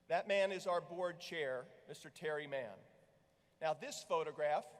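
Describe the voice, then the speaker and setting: A man who is a university president gives a formal, deliberate commencement speech at a podium mic in a large hall. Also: fairly high pitch. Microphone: podium microphone. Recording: long reverb of a large hall.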